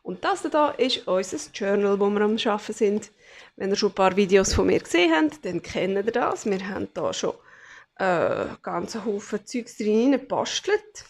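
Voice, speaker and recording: A woman's voice: mid-range voice, very animated, normal speed, creaky. A woman with a Swiss German accent, hosting a casual crafting vlog, chatty and full of fillers as she shows her things to the camera. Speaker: craft channel host.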